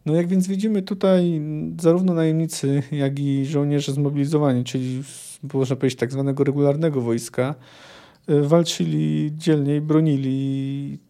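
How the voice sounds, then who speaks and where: A man on a podcast talks through a novel, hesitant and full of fillers. His voice is somewhat high and mellow. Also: fairly even intonation, normal speed. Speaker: podcast host. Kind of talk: reading a novel and commenting on it.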